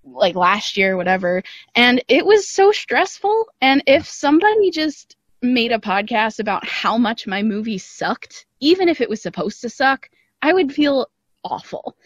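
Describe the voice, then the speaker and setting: This time her fairly high voice has a sing-song lilt and a measured pace, recorded dry. The young audio drama creator talks at length and downplays herself while guesting remotely on a podcast from a room without reverb. Her call audio comes through slightly dull and narrow-band.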